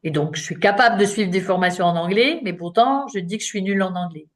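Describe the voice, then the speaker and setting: A woman in her late fifties, a coach, gives an informal live online talk in French to an audience. She's chatty and self-mocking, using frequent fillers, and speaks quickly at a medium pitch.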